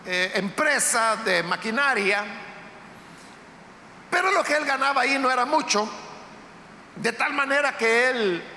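A man pastor telling a story during a Sunday sermon in a church, conversational and unhurried. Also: extremely high pitch, sharp tone, a little hiss or hum. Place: church sanctuary. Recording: echoey hall with long reverb, faint ambience.

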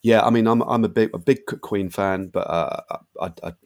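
A man's voice: on the low side, normal speed, darkish tone. A middle-aged British man hosting a casual interview, chatty, matey and effusive with his enthusiasm. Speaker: podcast host.

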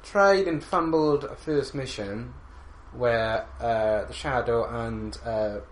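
A man's voice: medium pitch, takes it slowly, slight background noise. A man co-hosting a casual podcast chat, speaking hesitantly with many restarts. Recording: echoey room.

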